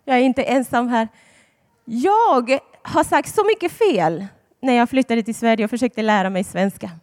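A woman's voice: on the high side, lively intonation, darkish tone. Woman preaching in a reverberant hall. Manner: chatty, personal storytelling with dramatic emphasis. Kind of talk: sermon to a congregation.

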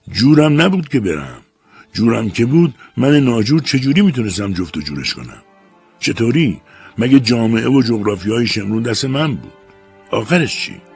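A man's voice: medium pitch, a little mellow, voice pushed up, lightly acted. A man voicing a bitter, weary father abandoned by his wife, speaking in a brooding lament in an audiobook story.

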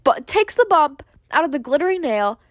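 A woman's voice: high-pitched, very animated, normal speed. A woman hosting a solo podcast in casual, candid, sweary chat, recorded in an echoing bathroom. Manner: informal, candid, peppered with swearing. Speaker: podcast host.

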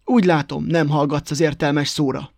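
Male reader as a fussy storybook hare, courteous gone cross, a touch higher, dry close sound. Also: fairly even intonation, creaky, darkish tone, no room sound. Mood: indignant. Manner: stiffly polite, then scolding. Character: prim, touchy male hare, quick to anger.

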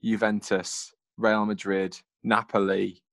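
A man's voice: lowish voice, level tone, slow pace, vocal fry, no room sound, studio quality. A man co-hosting a casual football podcast, chatty and self-mocking. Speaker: podcast co-host.

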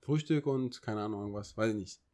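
A man with Turkish roots who grew up in Germany, chatting casually and telling a travel story in an animated, insistent way with lots of "ne?". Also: lowish voice, fairly quick. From Turkish roots, raised in Germany. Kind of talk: casual chat.

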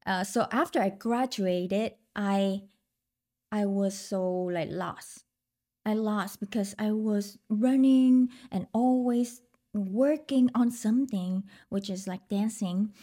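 A woman's voice: mid-range voice, takes it slowly, dark tone. A young woman from Vietnam with a Vietnamese accent, talking as a podcast guest in a hesitant, filler-heavy way. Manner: hesitant, many fillers, laughs lightly. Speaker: guest singer. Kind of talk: casual interview chat.

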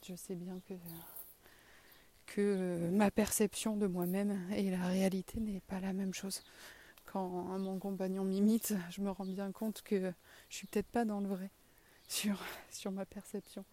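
A woman's voice: medium pitch, little pitch movement, a little slow, mellow. A woman with a southwest French accent, hosting a casual solo podcast while walking around her garden, candid and self-deprecating with the odd swear word. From southwest France. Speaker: podcast host.

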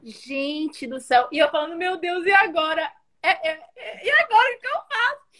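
A woman's voice: very high voice, expressive, moderate pace, a bit bright. A woman with a Brazilian Portuguese accent telling a personal story in casual chat, dramatically acting out the dialogue.

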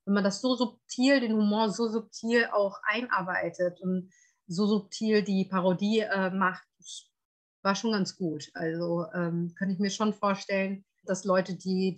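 Woman podcast co-host, chatty, filler-heavy, casual review talk, mid-pitched. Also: fairly even intonation, a little slow.

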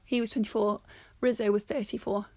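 A woman's voice: mid-range voice, little pitch movement, fairly quick, a little mellow. A woman co-hosting a casual film review chat, talking through her notes with frequent laughter. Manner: chatty, reads out her notes, often laughs. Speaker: podcast co-host.

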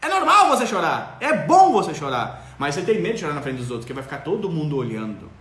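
A man hosts a parenting live stream from a roomy space that leaves a clear echo on his voice. He speaks high and swoops through his pitch, acting out parents and children in an animated way. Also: quick pace. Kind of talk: casual live-stream advice.

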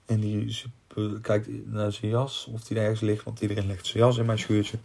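Gravelly, low-voiced young man. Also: flat delivery, normal speed, a little mellow. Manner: rambling, restarts often, swears casually. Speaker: podcast host. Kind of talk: casual personal storytelling.

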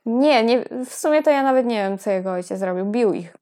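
A woman's voice: on the high side, expressive, a little fast, warm tone. A young woman co-hosting a casual true-crime podcast, playful and laughing often. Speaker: podcast co-host.

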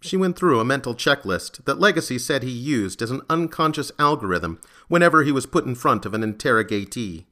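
A man narrating a serialized crime story in a measured, steady scripted reading. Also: mid-range voice.

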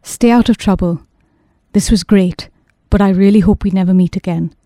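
Woman voicing weary young man, dry calm delivery, mellow dark tone, dry booth sound. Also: high voice, moderate pace, dry recording. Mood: tired.

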